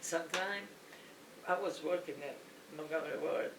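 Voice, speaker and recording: An older woman from Italy with an Italian accent, telling family stories in casual chat, animated and halting, laughing often. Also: sits low. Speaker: family storyteller. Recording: roomy, distant, faint noise.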